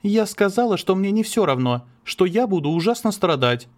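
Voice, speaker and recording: A man voicing a cold, tormented young woman, curt and sharp, in an audiobook. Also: sits high, very animated, moderate pace, voice pushed up. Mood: cold, bitter. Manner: sharp, curt, breaking into sobs. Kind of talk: audiobook character reading.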